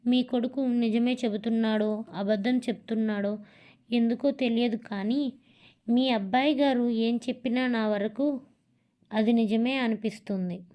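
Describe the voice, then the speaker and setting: A woman's voice: on the high side, steady tone, measured pace, mellow, close to an everyday voice. A woman reading the lines of a hurt middle-aged wife and mother who speaks with reproach and tears. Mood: tearful. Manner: reproachful, tearful.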